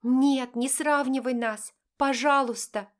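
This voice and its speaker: A woman's voice: high-pitched, fairly even intonation, takes it slowly, pitched above the performer's own voice. A woman voicing a young woman in an audiobook, pleading and emotional, rising and insistent. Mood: desperate. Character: desperate young woman pleading with her father. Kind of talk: audiobook character voice.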